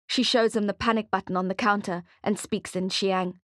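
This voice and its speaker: Female audiobook narrator, mid voice, measured thriller read, dead-dry booth. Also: mid-range voice, steady tone, no room sound. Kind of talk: scripted narration.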